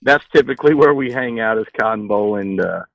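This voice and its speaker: Halting low-voiced man. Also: gravelly, dry recording, low-quality recording. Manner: halting, with many fillers. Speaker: guest from a racing team. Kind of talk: casual interview chat.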